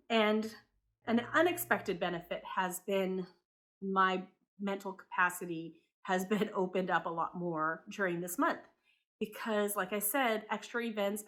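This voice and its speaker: A woman in her thirties who grew up in Taiwan speaks to her viewers in a relaxed homeschool vlog. Her voice is bright and clear, with a lively forward edge. She sounds chatty and candid, and she thinks aloud with hedging asides. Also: mid-range voice. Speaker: homeschool vlogger. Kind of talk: casual talk to camera.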